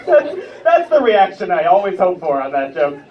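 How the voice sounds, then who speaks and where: High, lively man doing stand-up. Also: moderate pace, heavy background noise. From Ontario, Canada. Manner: self-mocking, chatty asides to the crowd. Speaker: stand-up comedian. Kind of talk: live stand-up set. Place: comedy club stage with a live audience. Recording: distant, muffled club recording.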